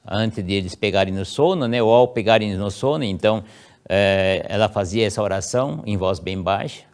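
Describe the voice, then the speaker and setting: A middle-aged man with a Brazilian Portuguese accent giving a sermon for an online meeting. He recites prayers slowly and emphatically and fills his speech with many pauses. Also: fairly low pitch, a little mellow. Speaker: lecturer of a religious movement. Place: home, recorded for an online meeting.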